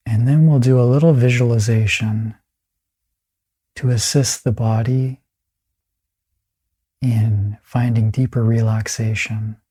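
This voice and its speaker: Leading a guided meditation, a man speaks calmly and soothingly in a soft, breathy mid-range voice, pausing after each phrase.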